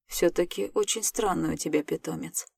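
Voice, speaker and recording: A woman voicing a grown man, a calm time-travelling mentor, speaking in a measured, slightly lowered voice in an audiobook. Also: creaky, husky, dry recording, full character voice. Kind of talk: audiobook character voice.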